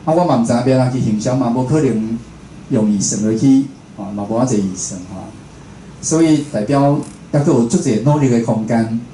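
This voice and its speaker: In an echoey indoor venue with clear background noise, a Taiwanese radio host talks informally and conversationally to a live audience. His voice is medium-pitched, brisk and warm.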